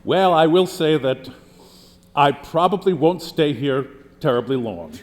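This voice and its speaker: A man's voice: fairly high pitch, lively intonation, unhurried. A man playing a deceased poet testifying as a witness in a mock trial, explaining at length with frequent restarts. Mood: earnest. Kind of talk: mock trial role-play. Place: courtroom. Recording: long hall reverb.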